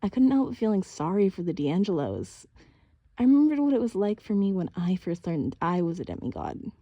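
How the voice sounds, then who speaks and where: A woman's voice: mid-range voice, sing-song, a little fast, no echo, dull audio. A woman narrating an audiobook in a casual, first-person storytelling manner.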